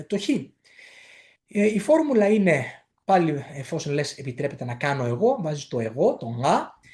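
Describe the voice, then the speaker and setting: Man, language teacher, animated pitch, patient and hesitant, slow demonstrative repeats. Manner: explains patiently, repeats phrases slowly for pronunciation; frequent hesitations and fillers. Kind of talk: casual spoken lesson.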